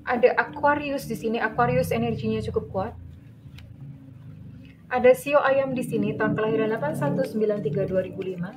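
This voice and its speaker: A woman giving a tarot reading, gentle and measured, calling the listener dear. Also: a little high, noisy background. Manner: slow, measured listing. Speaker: tarot reader.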